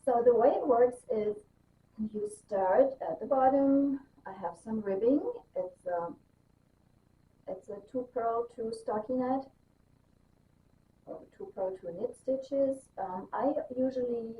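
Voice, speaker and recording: With a slow, rather high voice, this knitting designer from Germany hosts her knitting vlog and podcast in an easygoing, eager chat full of ums and false starts. The audio comes across as distant and roomy, muffled, with faint hiss.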